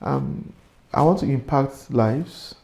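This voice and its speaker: A man's voice: mid-range voice, slow pace, gravelly, a little mellow. A man, a real estate agent explaining finances step by step in an interview. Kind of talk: interview answers.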